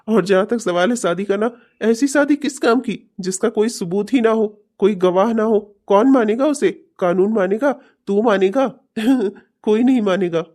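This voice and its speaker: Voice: mid-range voice, a little mellow, natural voice. A performer voicing a scheming, deceitful young man in a cartoon, mocking and laughing often. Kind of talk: cartoon voice acting.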